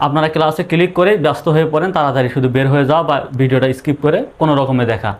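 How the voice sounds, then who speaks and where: Patient male teacher, slightly high voice. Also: steady tone, very fast. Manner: patient, repetitive, asks and answers own questions. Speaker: English pronunciation teacher. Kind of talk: online video lesson.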